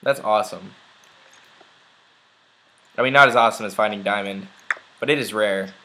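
A man's voice: lowish voice, normal speed, sharp tone, low-quality recording. A young man chatting casually while playing a video game, rambling along with lots of ums and uhs. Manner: rambling, chatty, many fillers. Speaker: let's play gamer. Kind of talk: casual gameplay commentary.

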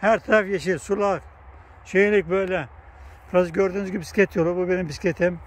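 A man's voice: high-pitched, steady tone, fast. A man outdoors filming a casual vlog, coaxing animals to come closer and chatting to his viewers with affection. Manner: coaxing and affectionate, laughs often. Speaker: vlogger. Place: outdoors by grazing bison, near a bike path.

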